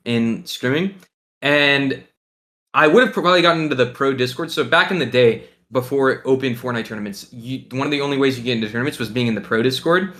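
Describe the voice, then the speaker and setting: A man's voice: medium pitch, fairly bright tone. A teenage boy from Ohio, a pro gamer being interviewed, talking in a laid-back, rambling way with lots of fillers and chuckles. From Ohio, USA. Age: teens. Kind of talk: casual interview.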